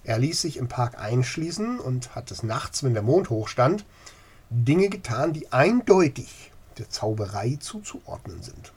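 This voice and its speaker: Man as hesitant formal park manager, husky, lively intonation. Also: mid-range voice, a little slow, exaggerated voice. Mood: earnest. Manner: hedging, long-winded and formal.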